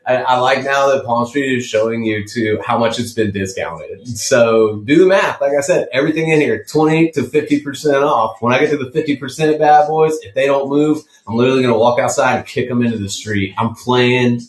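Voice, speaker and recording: A man hosting a casual live sales stream of plants, chatty and playful, laughing often and jumping up high when excited. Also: moderate pace. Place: indoor room with plants. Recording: echoey room.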